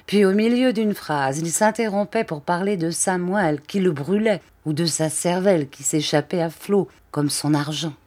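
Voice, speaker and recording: A woman's voice: low voice, darkish tone. A woman narrating a classic novel as an audiobook, reading expressively.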